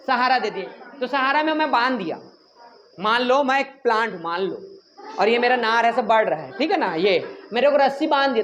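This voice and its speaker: Joking classroom teacher. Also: male voice, extremely high pitch, slight background noise. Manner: joking, animated, scolds students. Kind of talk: classroom lecture.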